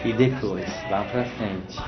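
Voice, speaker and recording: A man's voice: on the low side, measured pace. A man, a priest hosting a TV show, interviewing a guest with probing questions and echoing her words back. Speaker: priest and TV host. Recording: muffled broadcast sound with music underneath.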